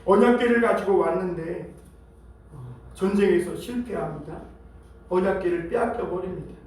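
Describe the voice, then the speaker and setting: A male pastor preaching a sermon in a church and reading scripture aloud with pauses. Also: extremely high pitch. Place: church sanctuary. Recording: very echoey church hall from far off.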